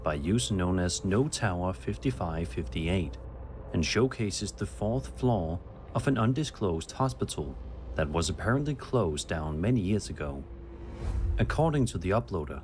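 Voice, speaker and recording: Male narrator, lowish voice, steady scripted read, faint noise behind. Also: unhurried.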